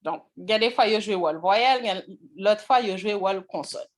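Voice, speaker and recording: A woman teaching a language class on pronunciation, pausing often to check whether the students follow. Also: medium pitch.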